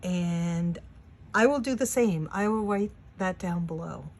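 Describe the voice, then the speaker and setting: Her voice is fairly low and darkish, and she talks a little slowly. This sixty-something vlogger and Etsy seller with a New England accent speaks casually to camera at a wooden table in her home, with frequent fillers.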